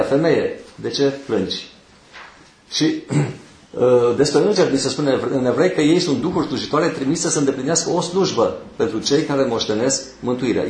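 A man delivers a sermon in a church, taking his points one by one with pauses between phrases. His voice sits at a middle pitch. The room around him rings with a noticeable echo. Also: darkish tone. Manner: measured, teaching through numbered points with pauses. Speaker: preacher.

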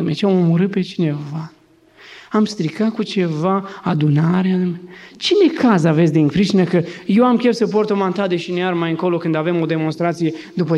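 A man's voice: high-pitched, warm tone, lo-fi sound. A man preaching, acting out a defiant ancient male thief who brashly defends himself with a stream of questions.

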